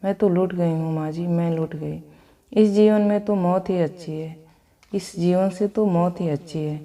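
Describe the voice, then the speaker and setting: A woman's voice: fairly low pitch, fairly even intonation, a little slow, dark tone, recorded from a distance. A woman voicing a devout young wife in a devotional storybook tale, pleading and sorrowful in prayer.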